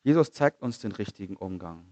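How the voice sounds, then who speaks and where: An earnest man delivers a sermon in a fairly low voice, building his points with rhetorical questions and repeated phrases. He slows down to stress key lines. The recording is close and dry, with a slightly dull, muffled tone. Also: expressive, mellow, no echo. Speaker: preacher.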